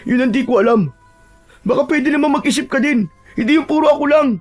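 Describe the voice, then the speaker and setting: A man doing a cocky young tribesman, high-voiced. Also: fast, soft background music. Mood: arrogant. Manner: bossy and scornful.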